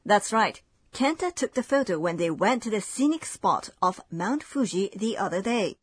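A woman hosting a language lesson, giving clear, measured scripted explanations. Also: mid-range voice, expressive, dry recording, clean studio sound.

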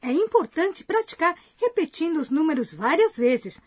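A woman with a high, very lively voice asks questions in a language lesson, with a bright and curious manner. Her pitch rises and falls a lot, and the sound is dry and close. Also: normal speed, no echo. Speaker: co-host asking questions. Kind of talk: scripted lesson dialogue.

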